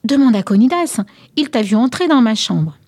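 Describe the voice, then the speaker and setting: A young queen from a storybook myth, tender and bewildered, read by a woman. The voice is warm and breathy, soft and pleading. Close, dry recording. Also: a little high, big pitch swings, moderate pace, no room sound, pitched above the performer's own voice. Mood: soft loving.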